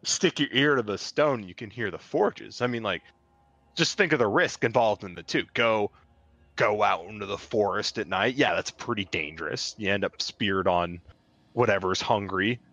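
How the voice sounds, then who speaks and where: A man with a lowish voice plays his character at a tabletop game. He talks casually and rambles with fillers. The sound is a dull, lo-fi mic that is dry and close. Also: moderate pace, a bit bright, dry recording. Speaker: player. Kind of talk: in-character tabletop role-play.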